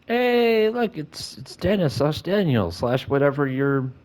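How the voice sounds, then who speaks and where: A man's voice: on the high side, big pitch swings, unhurried, a little mellow. A man giving casual gameplay commentary, making critical, nitpicking asides as he plays. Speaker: let's player.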